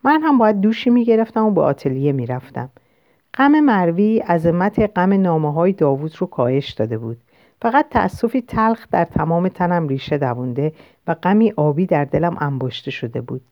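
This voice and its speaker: A woman narrates a novel in the first person, reading in a measured, literary way. Her voice sits low. The recording is dull and lo-fi, close and dry, with no room echo. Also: sing-song. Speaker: audiobook narrator.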